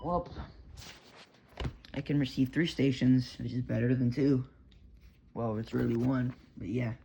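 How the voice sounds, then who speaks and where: A Texan man with a warm, gravelly voice of medium pitch talks a little slowly and steadily. He's a radio hobbyist rambling casually about the radios he keeps at home, cursing now and then and cutting himself off mid-thought. The lo-fi, noisy recording was made in his bedroom.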